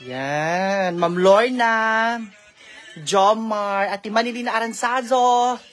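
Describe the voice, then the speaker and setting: A woman vlogging in a casual live-stream chat, chatty, reading out viewer shout-outs and mixing in English. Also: fairly high pitch, slow, soft background music. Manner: code-switches freely with English.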